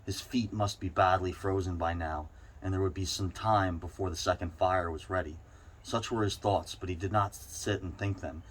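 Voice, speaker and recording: A man's voice: deep voice, steady tone, normal speed. A man reading a short story aloud, now and then stumbling over a word and going back over it. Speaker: reader. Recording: clear background noise.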